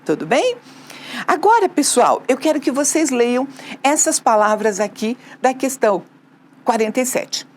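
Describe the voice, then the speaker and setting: A woman's voice: high voice, very animated, unhurried, a little hiss or hum. A Brazilian woman teaching a remote school lesson, asking the class questions and answering them herself, with frequent tag questions. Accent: Brazilian Portuguese.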